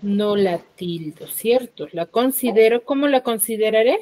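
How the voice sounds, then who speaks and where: A woman's voice: fairly high pitch, animated, warm tone, no echo. A woman teaching an online school class, patient and explanatory, constantly checking that her students follow with short questions. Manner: patient, keeps checking understanding with quick questions. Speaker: secondary school language teacher. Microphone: computer mic on a video call.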